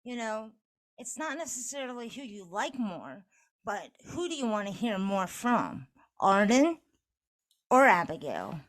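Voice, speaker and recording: A woman co-hosting a casual podcast, her voice a touch high. She leads the segments in an organized, steady way. Her speech is loose and filled with "um" and "you know.". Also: measured pace. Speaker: podcast co-host.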